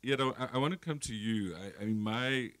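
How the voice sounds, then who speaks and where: A man's voice: medium pitch, brisk, fairly bright tone, no room sound. A man moderating a panel discussion, stammering with repeated words as he starts his questions.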